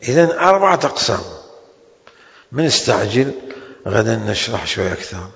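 A man teaching a seminary law lecture. He stretches out key terms slowly and then rushes through quick asides. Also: medium pitch, sing-song, vocal fry, a bit bright, highs cut off. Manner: slow, drawn-out stresses on key terms with sudden quick asides. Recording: long hall reverb.

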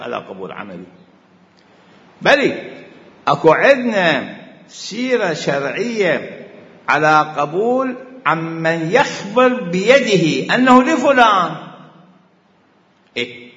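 A man's voice: a little high, a bit bright. A man with an Iraqi Arabic accent giving a religious law lecture, arguing a point by posing questions and then answering them himself. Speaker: jurisprudence teacher. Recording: echoey hall, dull muffled sound.

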